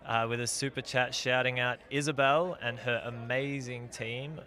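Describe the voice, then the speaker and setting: Bright-voiced live stream interviewer. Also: male voice, medium pitch, fairly even intonation, moderate pace. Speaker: livestream interviewer. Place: outdoors at a launch site.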